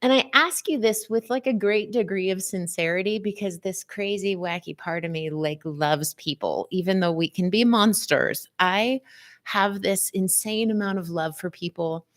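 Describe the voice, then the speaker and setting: A woman talks casually on a live stream. She greets her viewers, plays with words, and keeps a chatty, sing-song manner. Her voice sits at a middle pitch. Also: moderate pace. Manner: playful, sing-song wordplay and warm direct address. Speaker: host of a live wellness stream.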